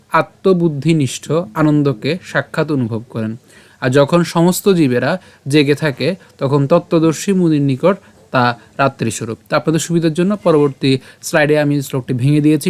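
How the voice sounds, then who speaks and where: A man teaching a scripture recitation lesson online, breaking words into syllables slowly and deliberately. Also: on the high side, a little mellow, no room sound. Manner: slow, deliberate syllable-by-syllable explanation.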